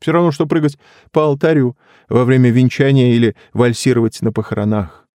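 A man's voice: mid-range voice, fairly even intonation, dark tone, no room sound, clean studio sound, pitched above the performer's own voice, close to an everyday voice. A man doing a weepy, solemn dreamer. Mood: grandly solemn. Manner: slow, weepy and grandly solemn. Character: sentimental tearful young Irish man.

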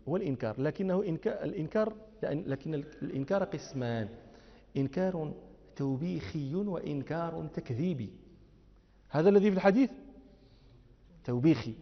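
A man teaching a lecture class. He recites verses softly, then explains them with rising emphasis and quick rhetorical checks. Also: fairly high pitch. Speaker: Islamic scholar teaching. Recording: dull lo-fi audio with long hall reverb.

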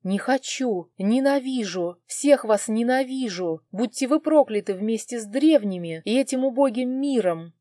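A young heroine hisses and lashes out in fury in an audiobook, as the narrator puts her on. The voice is mellow and warm, recorded dry and close. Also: on the high side, animated, normal speed, few pauses, dry recording, pitched above the performer's own voice, lightly acted. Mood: furious. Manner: furious, hissing. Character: furious young heroine in despair. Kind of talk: audiobook reading.

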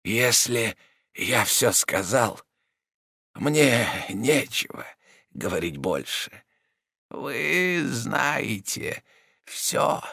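A man's voice: mid-range voice, animated, fairly bright tone, slightly rough, no echo, clean studio sound, voice pushed up, heavily acted. A man doing a feeble, mocking sick Jesuit. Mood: suffering. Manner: weak, halting, ironic, half-whispered. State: feverish and exhausted. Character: gravely ill, cunning, mocking male Jesuit.

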